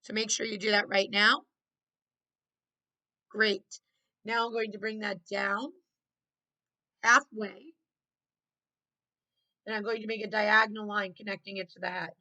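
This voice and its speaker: A woman's voice: medium pitch, flat delivery, measured pace, long pauses, sharp tone, low-quality recording. A woman art teacher leading children through a step-by-step drawing lesson, encouraging them with praise and prompts.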